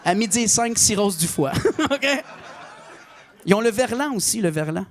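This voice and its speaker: A middle-aged man from Quebec with a Québécois accent, performing a stand-up comedy routine with mock outrage and high-pitched punchlines. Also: animated, normal speed. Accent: Québécois French. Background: audience laughter.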